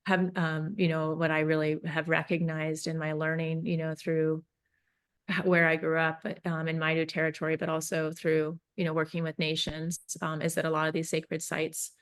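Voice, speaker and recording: A woman from Northern California, a peacemaker and facilitator, talking through her thoughts in an interview with many pauses and restarts. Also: sits low, monotone, smooth. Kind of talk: reflective interview talk.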